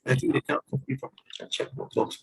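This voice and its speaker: A man's voice: fast, a little hiss or hum, poor audio. A man on an online class call whose voice keeps breaking up over a bad connection, repeating himself to get through. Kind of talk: interjecting on a video call.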